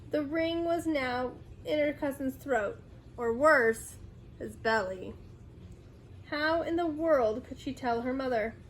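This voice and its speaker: High-voiced woman reading a story slowly. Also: a little hiss or hum, poor audio. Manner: dramatic, acts out dialogue. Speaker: storyteller reading a children's book aloud. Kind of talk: expressive scripted read-aloud for children.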